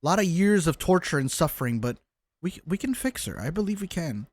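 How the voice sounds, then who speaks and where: Swearing freely and cracking jokes, a male streamer keeps up casual, exclamatory chatter during gameplay. His fairly quick, higher-pitched delivery swings widely in pitch, and the recording has no room sound.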